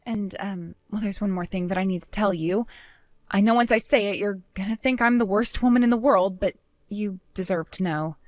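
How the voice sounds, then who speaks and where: A woman's voice: medium pitch, normal speed, no echo, studio quality, natural voice. A woman voicing a scheming, unfaithful young wife. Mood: pleading. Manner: pleading, coaxing.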